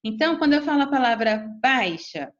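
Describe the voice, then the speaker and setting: Woman teacher, lively, patient. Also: high voice, brisk. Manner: patient, explains step by step to children; checks in with "tá bom?" and "ó". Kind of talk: recorded remote lesson. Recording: dull lo-fi recording.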